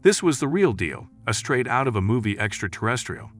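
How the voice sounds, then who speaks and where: A man's voice: mid-range voice, sing-song, a little fast, faint music behind. A man narrating a scripted sci-fi story in a dramatic, vivid way.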